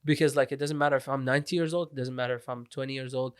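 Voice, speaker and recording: A man's voice: medium pitch, steady tone, rapid-fire, clean tone. A man from the Middle East hosting a casual podcast, talkative, with frequent laughs and restarts. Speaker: podcast host.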